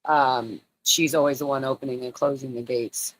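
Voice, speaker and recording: A woman's voice: extremely low pitch, fairly even intonation, moderate pace, slight background noise, rough recording. A woman co-hosting over a video call, sharing clips and chatting in a blunt, casual way with some swearing. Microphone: computer mic on a video call.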